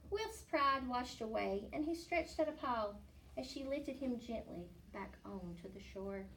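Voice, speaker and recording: A woman reading a rhyming children's picture book aloud in an expressive storytelling style. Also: a little high, unhurried. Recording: slightly distant mic, faint background noise.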